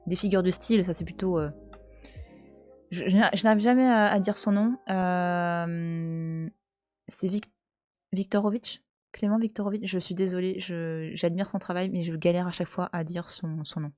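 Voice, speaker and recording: A woman's voice: on the low side, steady tone, normal speed, darkish tone, dry recording, soft background music. A French woman in her thirties, chatting casually and teasingly on a live stream from home, talking back to her chat. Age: 30s. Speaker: Twitch streamer. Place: at home, cat nearby.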